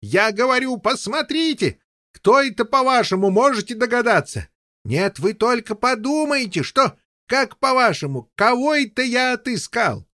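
A man doing a high, bumbling excited king. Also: moderate pace, no room sound, studio quality. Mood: gushing. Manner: chattering, breathless, never lets others speak. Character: bumbling, overexcited middle-aged male king. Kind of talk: audiobook character voice.

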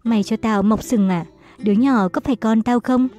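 A woman's voice: on the high side, normal speed, soft background music, lightly acted. Vân Tường, a raging jealous husband, read by a woman. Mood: furious. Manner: ranting, shouting insults. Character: furious jealous young husband, violent and accusing.

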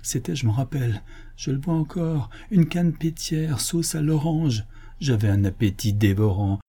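Brief: anguished glutton of a canon, storybook reading, a man playing him, mellow and a bit husky. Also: mid-range voice, normal speed. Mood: lamenting. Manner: anguished, theatrical lamenting. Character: gluttonous older male canon, lovesick for lost food. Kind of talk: audiobook reading of a classic novel.

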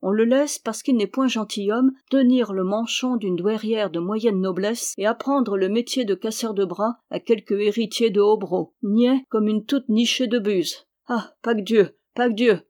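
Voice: mid-range voice, moderate pace, hardly any pauses, natural voice. A reader doing a shrewd, scheming traveler. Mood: scornful. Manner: polite, guarded, quietly scornful. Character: shrewd scheming traveler, a royal barber's valet. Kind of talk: audiobook character reading.

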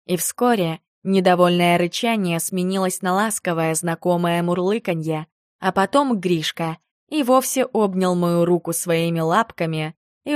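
A woman's voice: fairly low pitch, dry recording, studio quality. Woman narrating an audiobook. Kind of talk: first-person audiobook narration.

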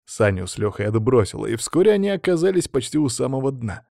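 A man narrating an audiobook in a steady, measured storytelling manner. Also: medium pitch, gravelly, no room sound, studio quality. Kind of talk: scripted narration.

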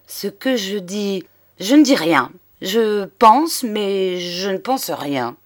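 A woman reading the part of an excitable old man, an amateur detective who mutters and broods to himself. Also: medium pitch, slow pace, dry recording, studio quality. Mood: dumbfounded. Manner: agitated, musing to himself.

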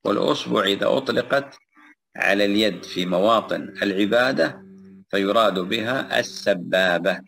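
Deep gravelly guy teaching a religious lesson, lots of umms and repeating himself. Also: fairly bright tone, slight background noise. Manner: repeats phrases and pauses with fillers while explaining. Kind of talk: classroom lecture explaining a text.

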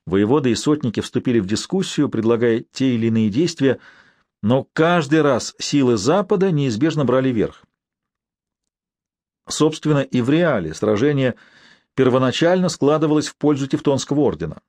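A man narrates a historical tale in a steady, even storytelling manner. His voice sits at a middle pitch and is recorded close and dry, with no room sound around it. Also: moderate pace, no room sound. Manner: even storytelling with quoted dialogue. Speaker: audiobook narrator. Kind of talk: scripted narration.

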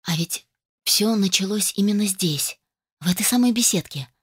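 A woman reading a first-person novel aloud as an audiobook narrator, in an even storytelling way. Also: medium pitch, moderate pace, breathy edge, dry recording, clean studio sound.

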